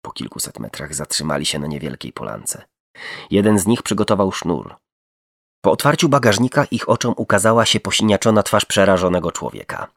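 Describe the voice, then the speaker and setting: A man's voice: deep voice, expressive, brisk, gravelly, dry recording, studio quality. A man narrating a true crime story dramatically. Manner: dramatic, shifts tone for quoted speech.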